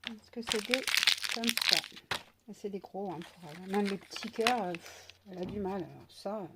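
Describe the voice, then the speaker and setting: A woman's voice: mid-range voice, normal speed, heavy background noise. A woman chatting casually through an unboxing at home, with many fillers, sometimes cooing to her pet. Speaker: beauty vlogger.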